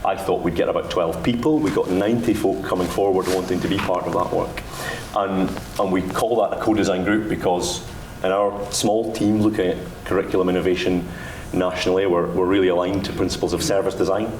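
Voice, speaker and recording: A Scottish man with a Dundee accent presents to a conference in a conversational manner. His voice sits fairly low. The recording is roomy and a little distant, with faint noise underneath. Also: fairly even intonation, brisk, darkish tone. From Dundee, Scotland. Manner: informal, conversational, Scots turns of phrase. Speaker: panel speaker on education. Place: indoor event room with microphone.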